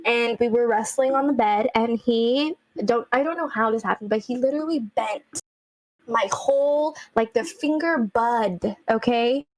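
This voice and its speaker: A young woman chatting on her podcast, spilling a story in a loose, animated way, full of "like" and asides. Her voice sits a little high, and the sound is close and dry with no room around it. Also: unhurried, dry recording, rough recording. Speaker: podcast co-host. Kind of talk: casual chat.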